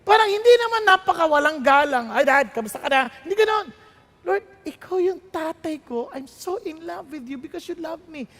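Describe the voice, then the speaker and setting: A man's voice: extremely high pitch, lively intonation, moderate pace, fairly bright tone, long reverb tail. A man preaching a sermon, talking emphatically and conversationally and checking in with the congregation. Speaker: pastor.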